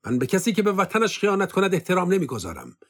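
A husky-voiced man voicing a hulking, furious male soldier who shouts accusations in a storybook reading. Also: mid-range voice, voice pushed up, lightly acted.

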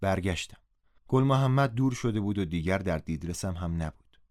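A man's voice: sits low, lively intonation. A man narrating a story in first person, reading the dialogue aloud with a raised voice. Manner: reads dialogue in a raised, louder voice.

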